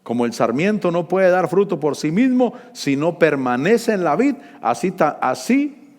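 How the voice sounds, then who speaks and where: A man preaching a sermon, calling out scripture loudly, dropping to low asides and asking the congregation to repeat after him. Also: very animated, unhurried, long reverb tail. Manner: fervent, swings between loud scripture reading and low asides; call-and-response with the congregation.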